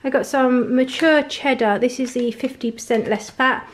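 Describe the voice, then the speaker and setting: A woman with a fairly high, chatty voice goes through her shopping item by item, dropping in prices and fillers as she goes. She is recorded on a handheld phone camera at a kitchen table indoors. A faint hiss of noise sits under the speech. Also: normal speed. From England. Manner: chatty, lists items and prices with many ums and likes. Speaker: family vlogger. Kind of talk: casual grocery haul chat.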